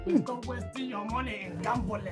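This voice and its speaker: A woman's voice: a little high, normal speed, over music, lightly acted. An actress playing a drinking companion with a Nigerian accent who nags her friend to buy drinks. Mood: nagging. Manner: nagging.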